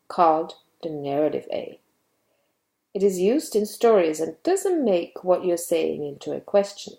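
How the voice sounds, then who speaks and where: Woman explaining with lively intonation, roomy sound. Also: fairly low pitch. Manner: clear, measured explanation with example sentences. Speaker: linguistics explainer. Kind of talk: scripted educational narration.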